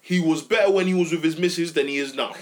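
A man with a London roadman accent in casual football banter, excitable, emphatic and slangy, repeating himself. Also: a little high, fast talker.

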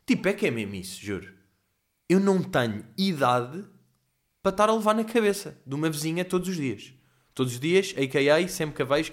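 A young man with a European Portuguese accent hosts a casual Q&A, ranting animatedly and swearing a lot. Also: a little high. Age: young adult. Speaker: host. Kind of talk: casual chat, Q&A rant.

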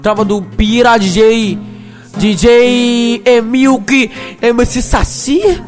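A man from Brazil, a DJ, rattling off crude, rowdy shout-outs over a mix, yelling names and laughing. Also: very high-pitched, extremely slow. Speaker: DJ giving shout-outs on his podcast mix. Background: funk music beat.

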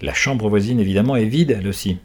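A man reads a children's adventure novel aloud. His reading is lively, and he shifts his voice to play the different characters. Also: fairly low pitch, fast talker. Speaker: audiobook reader. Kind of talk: children's book read aloud.

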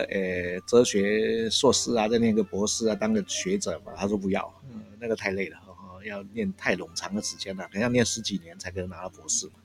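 A man, a café owner telling family stories in a casual interview, chuckling often between phrases. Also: fairly low pitch. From Taiwan. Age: 60s. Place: countryside coffee shop. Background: faint jazz from shop speakers.

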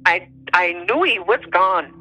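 Bright-voiced non-native English-speaking woman, searching for words. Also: lowish voice, expressive, measured pace, faint music behind, poor audio. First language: not English. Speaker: interview guest telling personal stories. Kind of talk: personal storytelling, conversational.

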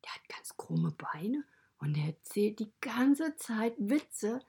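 Lady doing a chatty stable animal telling kids stories, super breathy whisper, raspy. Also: on the high side, sing-song, takes it slowly, mellow, exaggerated voice. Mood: friendly. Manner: mostly whispered, chatty and confiding. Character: friendly stable animal narrator, fond of children. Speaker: storyteller. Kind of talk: children's podcast storytelling.

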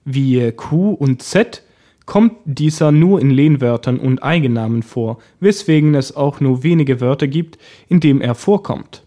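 A man narrating a scripted language lesson in a calm, clear, explaining manner. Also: medium pitch, a little slow. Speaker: language teacher.

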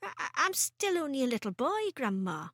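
Woman voicing a timid little boy, stammering, high voice, storybook. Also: sing-song, normal speed, fairly bright tone, no room sound, studio quality, exaggerated voice. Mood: pleading. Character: eight-year-old boy, timid and pleading.

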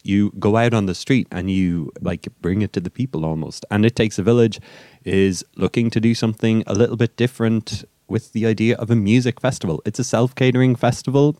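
An Irish man with a fairly low voice, recorded close and dry. He hosts a podcast informally, in loose, hesitant phrases. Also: darkish tone, no room sound. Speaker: podcast host. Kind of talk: casual podcast introduction and interview.

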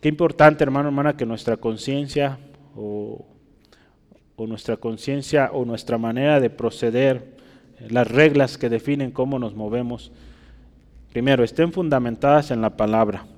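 A man preaching a teaching sermon, often asking the congregation for agreement and pausing to write on a board. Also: mid-range voice, a little mellow, long reverb tail. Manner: teaching, rhetorical questions, asks listeners for agreement; writes on a board while speaking.

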